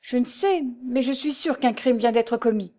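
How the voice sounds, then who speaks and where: A woman's voice: a little high, moderate pace, warm tone, voice pushed up, lightly acted. Woman doing an anxious young heroine, insistent and tense. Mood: shaken. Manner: breathless, fearful, insistent.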